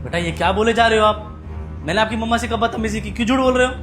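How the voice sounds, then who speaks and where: A man acting as a hot-tempered husband and father, shouting at times and speaking softly when he apologizes, in a family drama skit. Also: high voice, racing, soft background music. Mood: stern.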